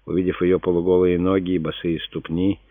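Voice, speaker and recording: A man reading a historical novel aloud as narrator, in a steady, measured way. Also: low voice. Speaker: audiobook narrator. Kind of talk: scripted narration. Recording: dry, phone-like narrow sound.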